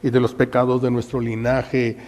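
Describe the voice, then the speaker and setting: Mexican priest preaching in an echoing hall. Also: male voice, medium pitch, completely flat delivery, normal speed, a little mellow. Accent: Mexican Spanish. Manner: dramatic storytelling preaching. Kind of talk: sermon. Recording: long hall reverb.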